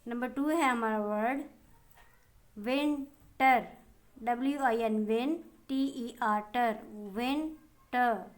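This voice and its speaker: Slow-spelling woman teacher with Pakistani accent. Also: a little high. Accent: Pakistani Urdu. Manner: slow, spells words letter by letter and translates them; addresses pupils fondly as children. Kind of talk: online class lesson for young children.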